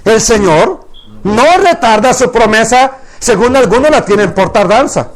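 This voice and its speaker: Very high-voiced male preacher. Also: expressive. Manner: asks the congregation rhetorical questions and answers them; draws out Hebrew phrases slowly for emphasis. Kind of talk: sermon.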